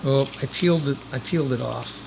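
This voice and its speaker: A brisk, creaky mid-range voice cuts through heavy background noise. The man hosts a DIY video channel, narrating in an easygoing, folksy style with wry little remarks to the viewer.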